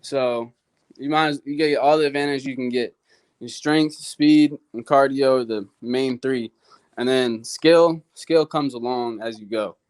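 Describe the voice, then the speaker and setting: Clear-voiced male fighter talking casually. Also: medium pitch, measured pace. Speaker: amateur fighter being interviewed. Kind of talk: casual interview answers.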